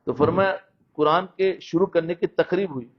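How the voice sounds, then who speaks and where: Guy preaching and telling stories, kinda high voice, dull muffled audio. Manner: storytelling, asks listeners "understood?". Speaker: Islamic preacher. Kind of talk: sermon with storytelling. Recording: dull lo-fi recording.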